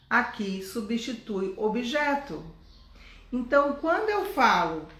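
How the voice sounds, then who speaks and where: A woman's voice: fairly high pitch, roomy sound. A woman with a Brazilian accent explaining English grammar in a casual, chatty way, repeating points for emphasis. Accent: Brazilian Portuguese. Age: 50s. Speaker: English teacher.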